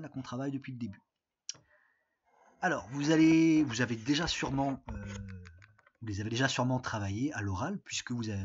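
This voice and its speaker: The audio is dull and lo-fi as a French English teacher records a remote lesson. Speaking in a husky, mid-range voice, he patiently walks his students through each step, using many fillers along the way.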